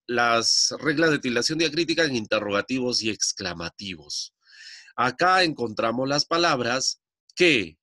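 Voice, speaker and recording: A man's voice: mid-range voice, pushed and bright, dry recording, studio quality. A man teaching a classroom grammar lesson, explaining patiently and checking understanding often.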